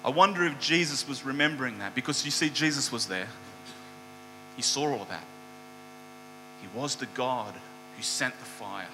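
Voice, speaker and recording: A man preaching a sermon, retelling a Bible story in a lively storytelling manner. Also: medium pitch, normal speed, long pauses. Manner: storytelling, animated retelling with quoted voices. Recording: hall reverb with faint mains hum.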